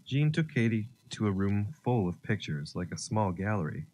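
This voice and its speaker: A man narrating a children's story, gentle and expressive. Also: lowish voice, moderate pace, a little hiss or hum.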